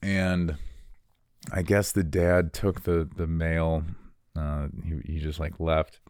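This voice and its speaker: Very deep-voiced young American man, rambling. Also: level tone, darkish tone, smooth, no room sound, clean studio sound. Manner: rambling, halting, repeats words. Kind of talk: unscripted reflective monologue.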